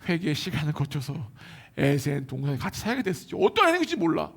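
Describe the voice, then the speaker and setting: A man preaching with a high, gravelly voice that swings widely in pitch. He talks in a casual, animated way and keeps slipping into the voices of the people in his examples. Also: fast talker. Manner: animated, colloquial preaching that acts out quoted voices. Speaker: pastor. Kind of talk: sermon. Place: church hall.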